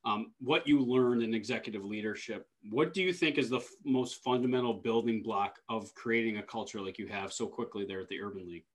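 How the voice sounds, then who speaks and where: A man interviewing in a casual, conversational way, feeling his way haltingly into each question. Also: fairly low pitch.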